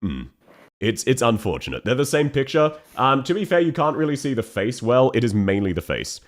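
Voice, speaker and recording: A man's voice: medium pitch, sing-song, fairly quick. A man hosting a quiz game with casual, teasing and playful banter.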